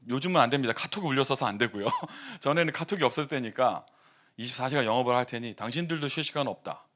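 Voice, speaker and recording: A man preaching as pastor, telling stories in an animated, quick-tempered way with laughing asides. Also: medium pitch. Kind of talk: sermon.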